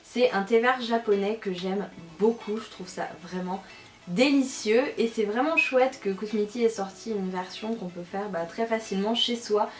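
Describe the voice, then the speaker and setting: A woman's voice: mid-range voice, moderate pace. A woman talking casually and effusively as a lifestyle and beauty vlogger, chatting through her favourites. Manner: enthusiastic, effusive. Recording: roomy echo, music behind. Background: music.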